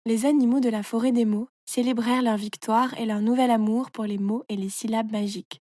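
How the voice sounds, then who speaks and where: A woman narrating a scripted children's story in a clear, measured storytelling manner. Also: fairly high pitch, fairly even intonation, mellow, no room sound, clean studio sound.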